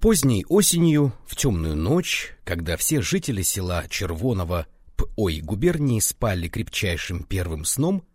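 A man reading a folk tale aloud as audiobook narration, including its footnotes, in an animated way. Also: sits low, a little slow, no room sound, faint music behind. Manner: animated, reads notes aloud. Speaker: audiobook reader. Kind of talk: expressive scripted narration.

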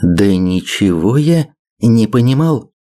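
A man reading an audiobook, voicing a stern middle-aged father with a forceful raised voice. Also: on the low side, lively intonation, takes it slowly. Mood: arguing.

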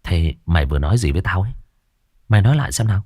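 A man voicing a brusque young male exorcist in a ghost story, speaking in a low, muttered, gruff way. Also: expressive, rapid-fire, dark tone, no echo, clean studio sound.

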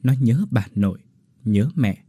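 A man narrating a horror story in a dramatic, expressive way. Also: on the low side, a little slow, breathy edge, no echo.

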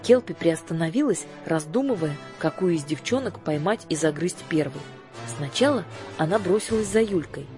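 Низкий женский голос читает сказку. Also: female voice, on the low side. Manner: measured, expressive storytelling. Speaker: narrator. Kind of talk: audiobook narration. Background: faint music.

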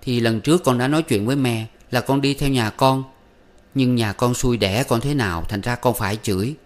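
A man's voice: medium pitch, normal speed, pitched above the performer's own voice, natural voice. A man reading aloud and voicing a young married daughter who sobs and complains plaintively. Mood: tearful. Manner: sobbing, plaintive.

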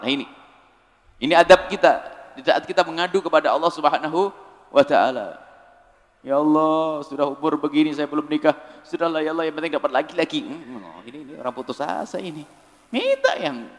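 High-voiced preacher in a hall. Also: male voice. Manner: lively, mimics people's prayers in raised voice. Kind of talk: sermon. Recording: reverberant hall.

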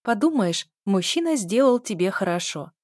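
A woman's voice: medium pitch, sing-song, normal speed, darkish tone, dry recording, clean studio sound. A woman reading an audiobook voices a dismissive sister with a sneering, mock-sympathetic manner. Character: mocking dismissive younger sister.

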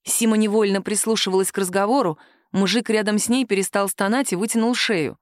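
A woman narrating a detective story in a lively, expressive reading. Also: medium pitch, fairly quick, no room sound, studio quality. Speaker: audiobook narrator.

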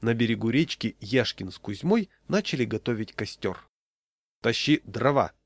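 A man narrating a humorous story aloud, with dry, even storytelling. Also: on the low side, normal speed, dry recording.

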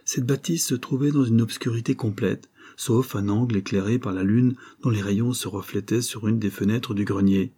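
Guy reading an audiobook, measured and steady, husky low-key voice. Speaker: audiobook narrator. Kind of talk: scripted audiobook narration.

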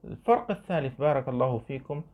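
A man's voice: mid-range voice, lively intonation, quick pace, darkish tone. A man teaching Islamic law, explaining a classical text line by line, often repeating his points, asking his students questions and showing things with his hands. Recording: narrow phone-like band.

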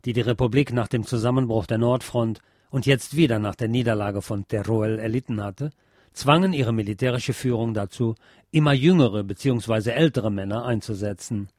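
A podcast host reads a history book aloud, narrating the written text from a script. His voice is at an average male pitch and a little mellow. The recording is dry, with almost no room sound and no echo.

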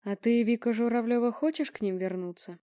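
A woman voicing an eerie male clairvoyant, speaking slowly in a cold, stony tone. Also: fairly high pitch, dark tone, dry recording, studio quality, lightly acted.

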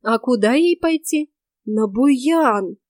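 A woman's voice: high-pitched, lively intonation, takes it slowly, a little mellow, no echo. Grumpy old witch granny, scolding folksy speech, as a female narrator puts her on, dry booth. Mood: scheming.

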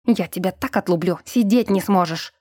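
A woman voicing a gruff, protective young man, blunt and bossy, in an audiobook. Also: fairly low pitch, normal speed, darkish tone, dry recording, clean studio sound. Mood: angry.

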